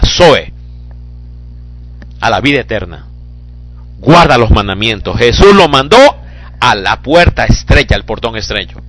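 Impassioned male preacher, animated pitch. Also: low-quality recording. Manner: preaching with rising emphatic bursts and hushed drops. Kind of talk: sermon.

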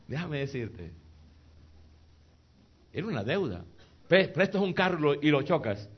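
A man preaching a sermon to a congregation in a church, emphatic and joking, swinging between shouts and soft, intimate passages. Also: a little high, big pitch swings, a little fast, slightly rough. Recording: dull lo-fi sound with faint noise.

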